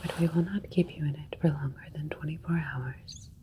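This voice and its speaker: In an ASMR roleplay, a woman plays a calm, clinical female alien doctor, soothing and methodical in a soft, breathy whisper. Her voice is deep and her pace normal, with a lightly acted delivery over a noisy background.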